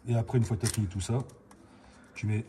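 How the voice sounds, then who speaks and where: A man's voice: on the low side, fairly even intonation, quick pace. A man, giving a chatty, casual how-to on car repairs in a garage, full of filler words. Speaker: amateur mechanic host. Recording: noisy garage recording.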